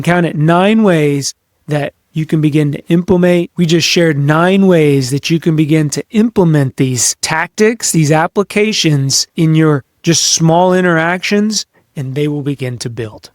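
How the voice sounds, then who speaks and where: On his leadership podcast, a man with a voice on the high side speaks at a moderate pace, recorded dry in a clean studio. He coaches listeners directly with earnest emphasis, repeating important phrases in a motivational monologue.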